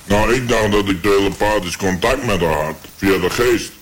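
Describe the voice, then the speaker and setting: A man's voice, disguised with a deep pitch shift that pushes it very low, answers questions in a courtroom. His replies come short, flat and hesitant, over a faint hum of background noise. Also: moderate pace. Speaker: defendant in court.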